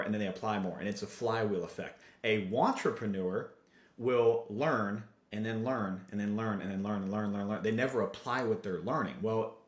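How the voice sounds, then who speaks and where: A man talking as a podcast guest, telling stories and giving motivational advice with energy. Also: on the low side. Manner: energetic storyteller, motivational, fast asides. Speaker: podcast guest, digital marketing agency owner. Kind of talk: casual interview chat. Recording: roomy echo.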